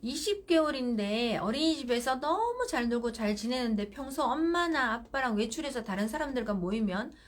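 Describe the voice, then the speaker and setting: A middle-aged woman hosting live parenting advice, speaking firmly and directly and acting out parent-child exchanges. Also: fairly high pitch. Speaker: parenting counselor.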